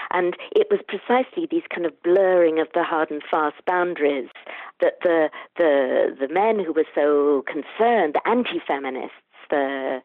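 A woman's voice: deep voice, no echo. A woman art historian answering interview questions thoughtfully, often restarting her phrases. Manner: thoughtful, with frequent restarts and hedging fillers. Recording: tinny phone line, dry.

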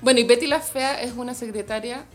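A woman's voice: fairly high pitch, fairly even intonation, brisk. A young Chilean woman co-hosting a podcast in casual chat, laughing often and finishing her partner's sentences. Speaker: podcast co-host.

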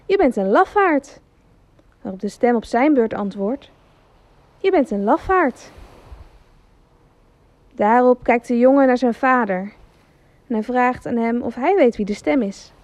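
A woman reading a gentle story aloud as narrator, slowly and carefully. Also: on the high side, no echo. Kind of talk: scripted storytelling.

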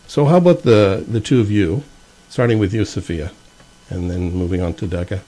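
A man hosting a radio interview, reading his announcements and then asking relaxed questions. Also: low voice, normal speed. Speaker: radio show host.

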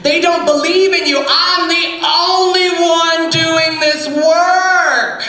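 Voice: high voice, animated, a little slow, sharp tone, voice pushed up, heavily acted. A performer doing a whiny, exasperated prophet. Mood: indignant. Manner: complaining, petulant. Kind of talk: comic storytelling. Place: theatre stage, live show. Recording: echoey stage, from far off.

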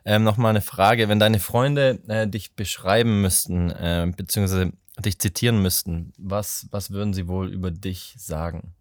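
A man co-hosts a chatty podcast, asking questions in an easygoing, slightly hesitant way. His voice sits on the low side, recorded close and dry. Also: fairly even intonation, moderate pace, hardly any pauses, no echo. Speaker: podcast co-host. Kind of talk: casual interview chat.

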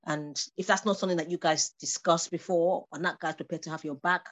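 Thoughtful and laughing between her points, a discussion participant in her fifties chats casually. Her lowish voice sounds a bit bright, keeping a steady tone at a brisk pace.

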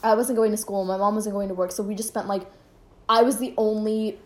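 A woman's voice: mid-range voice, fairly even intonation. Laughing young woman, echoey room. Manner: laughing, wisecracking, quick asides. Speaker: podcast co-host. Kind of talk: casual chat.

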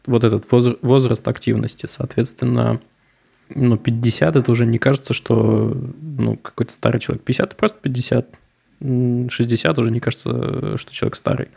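Young guy cohost, super gravelly fry, sarcastic and loose, just chatting. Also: mid-range voice, fairly even intonation, brisk, mellow. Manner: wry, slightly sarcastic, loose and joking. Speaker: podcast co-host. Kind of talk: casual discussion.

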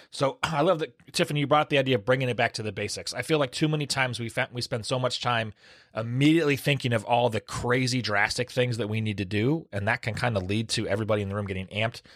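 A man's voice: on the low side, a bit bright, no echo, studio quality. A man hosting a medical panel discussion, an emergency physician who asks questions and sums up his guests' answers. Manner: quick, conversational, asks questions and sums up the others. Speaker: podcast host and emergency physician.

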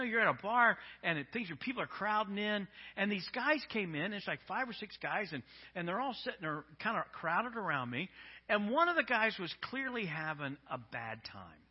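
A man's voice: sits high, big pitch swings, moderate pace, slightly rough, dull audio. A male pastor giving a sermon, telling stories conversationally with frequent restarts. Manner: conversational storytelling with many restarts.

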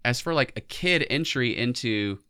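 A man's voice: mid-range voice, animated, normal speed, pushed and bright, clear, resonant tone. A man in his forties co-hosting a podcast, chatting casually about pop culture. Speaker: podcast co-host.

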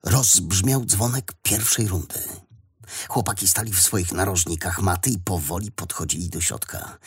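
A man reading a children's adventure story aloud as the narrator, with expressive storytelling. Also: deep voice, breathy edge. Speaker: audiobook narrator.

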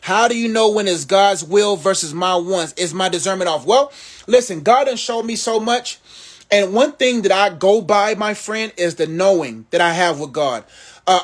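A man preaching and motivating viewers in a live social media Q&A, talking to them like family in a rhythmic, sermon-like way. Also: high voice.

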